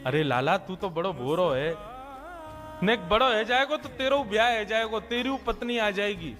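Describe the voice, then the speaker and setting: A man's voice: sits high, expressive, normal speed, a bit bright, long reverb tail, soft background music. A teasing young village boy explains things to his little friend in a raised voice with a Braj accent, as a male preacher puts him on. The telling is a storybook sermon.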